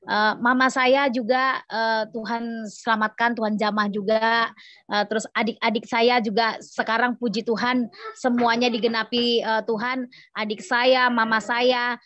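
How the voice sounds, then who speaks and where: A woman with a somewhat high voice tells her conversion testimony to a congregation, addressing them directly and acting out the dialogue she remembers. She talks with frequent hesitations and restarts. The recording is dry and close, with a slightly muffled, lo-fi sound. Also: a bit bright, no echo. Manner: addresses the audience as Bapak Ibu Saudara, acts out quoted dialogue; hesitant, many fillers and restarts. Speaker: testimony speaker. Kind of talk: church testimony storytelling.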